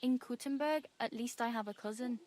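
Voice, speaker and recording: A woman's voice: on the high side, brisk, a little mellow, close to an everyday voice. An actress playing a cheerful, chatty young female wanderer in a game. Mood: friendly. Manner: friendly, chatty, laughs easily.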